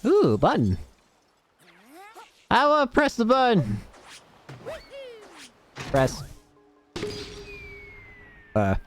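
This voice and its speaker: A man's voice: sits high, huge pitch swings, drawn-out words, pauses often, soft background music. A man giving casual, offhand video game commentary, rambling to himself, with some static on the mic.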